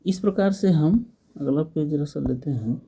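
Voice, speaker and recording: A man with a slightly high, gravelly, warm voice teaches a slow English grammar lesson, patiently spelling out each word letter by letter and asking the class questions along the way. The recording is slightly rough.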